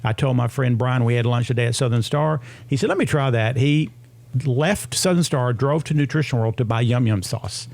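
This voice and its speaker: Male health-radio host, sixties, creaky gravelly voice, casual talk, close dry sound. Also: medium pitch, normal speed, darkish tone, no echo.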